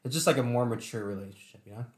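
A young man co-hosting a podcast, telling a story in a relaxed, laid-back casual chat. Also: mid-range voice, rapid-fire. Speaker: podcast co-host. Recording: echoey room.

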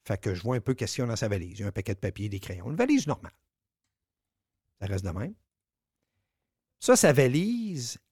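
Quebec man telling a story, low voice. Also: breathy edge, dry recording, studio quality. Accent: Quebec French. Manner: animated, swearing, acts out quoted dialogue. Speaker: radio show regular telling a story. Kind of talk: casual storytelling on radio.

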